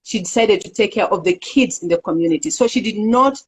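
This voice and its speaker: Middle-aged woman from Uganda, interview guest, earnest and unhurried, mid-range voice. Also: mid-range voice, lively intonation, breathy edge, low-quality recording. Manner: earnest, halting with fillers, laughs easily. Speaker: executive director, interview guest. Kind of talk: casual interview talk.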